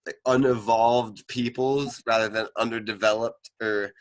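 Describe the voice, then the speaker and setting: A man's voice: on the low side, fairly even intonation, a little slow, low-quality recording. Rambling young man joking with friends. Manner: rambling, joking, stumbling over words. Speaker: podcast host. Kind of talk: casual chat.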